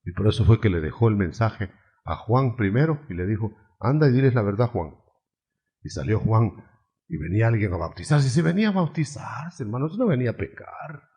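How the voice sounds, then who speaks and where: A male preacher giving a lively, humorous sermon and acting out the quotes he tells. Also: on the low side, fairly quick, muffled recording. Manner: animated, humorous, acts out quotes.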